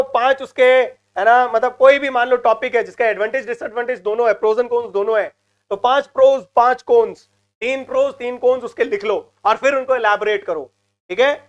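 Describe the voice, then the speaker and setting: A man with a high voice coaches his students through a live online class. He talks in Hindi with a lot of English mixed in. He drives each step home by saying it again. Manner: coaching, mixing English into Hindi, repeats points. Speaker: teacher.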